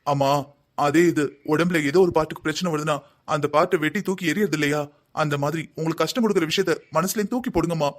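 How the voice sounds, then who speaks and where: A man voicing a patient young husband and son in a Tamil cartoon drama, reasoning calmly. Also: fairly high pitch, fast, lightly acted. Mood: soothing. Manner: calm, reasoning.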